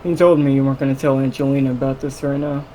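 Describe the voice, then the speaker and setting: A man voicing a calm, loyal young man in a tabletop game, speaking in a low-key, easygoing way. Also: rapid-fire, slight background noise, lightly acted, low-quality recording.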